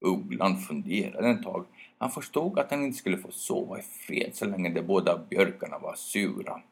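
A man with a low, gravelly, somewhat husky voice reads a children's fairy tale aloud. His delivery is expressive, rising and falling a lot, with the odd small hesitation along the way. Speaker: storyteller. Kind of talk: children's story reading.

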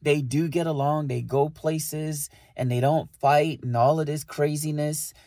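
A man's voice: on the high side, fairly even intonation, measured pace, a little mellow, no room sound, studio quality. A man co-hosting a podcast, talking casually and emphatically about relationships, with lots of rhetorical questions. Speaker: podcast co-host.

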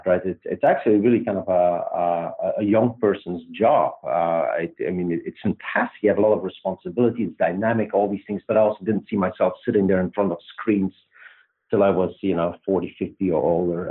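A man's voice: low voice, breathy edge. A man with a Belgian accent, a company founder being interviewed, talking thoughtfully with many fillers and restarts. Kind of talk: casual interview talk. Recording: tinny phone-like line.

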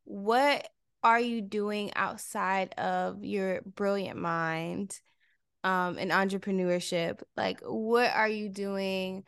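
A woman hosting a podcast, asking questions in a halting casual way with many fillers. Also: medium pitch, fairly even intonation, vocal fry, fairly bright tone, smooth, no echo, clean studio sound. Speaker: podcast host. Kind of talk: casual interview chat.

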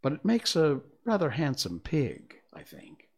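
A polite, curious little girl, played by a male reader asks careful, prim questions. Her voice sits well above his own and rises in wide turns. She speaks slowly and a little timidly. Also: on the high side, wildly swooping pitch, slightly rough, pitched above the performer's own voice, full character voice. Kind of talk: storybook reading.

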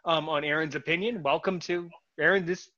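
Halting, bright-voiced male podcast host. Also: on the high side, steady tone, muffled recording. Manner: halting, repeats words, many fillers. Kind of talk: casual podcast talk.

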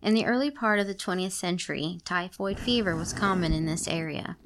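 A woman's voice: on the low side, a little fast, background noise. Woman reading a story with joking asides. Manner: playful, adds sarcastic comments to the text. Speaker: podcast host reading stories aloud.

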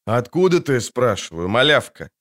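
A man reading a gruff sarcastic monster hunter. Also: mid-range voice, very animated, normal speed, fairly bright tone.

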